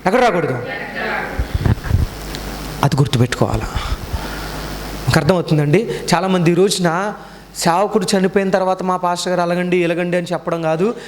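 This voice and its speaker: A man preaching a sermon as pastor, firing rhetorical questions at the congregation and swinging between loud calls and quiet asides. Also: sits high.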